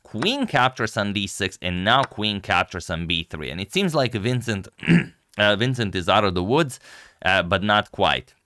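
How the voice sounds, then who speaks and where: A man with a low, bright voice talks through a chess game move by move. His delivery is measured and explanatory, casual in style, with a very clean, dry close sound. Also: expressive, dry recording. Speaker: chess commentator and channel host.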